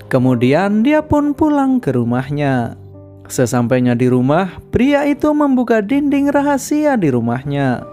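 A woman giving scripted narration that retells a film's plot in a steady storytelling manner. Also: medium pitch, unhurried. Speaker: film recap narrator. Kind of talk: scripted film recap narration. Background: background music.

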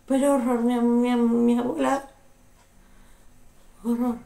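Young woman vlogger, high mellow voice, echoey room, still unwell. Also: slow pace, gravelly. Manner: animated, repeats exclamations. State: unwell, recovering from illness. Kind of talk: casual storytelling.

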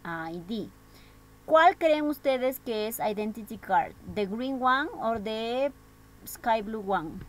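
A woman's voice: fairly high pitch, animated, takes it slowly. Bilingual woman teaching English. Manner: switches between Spanish and English, asks pupils questions. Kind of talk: online class for young pupils.

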